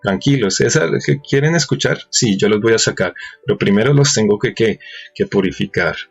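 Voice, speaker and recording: A man's voice: on the low side, lively intonation, normal speed, creaky, slightly rough. A man preaching a sermon, reading verses aloud and asking his listeners questions. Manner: asks rhetorical questions and reads verses aloud. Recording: dull lo-fi recording with faint music.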